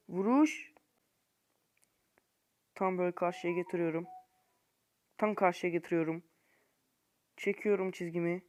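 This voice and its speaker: A young gaming YouTuber talks viewers through his gameplay in casual slang, his clear, resonant voice swinging between low muttering and frustrated shouting.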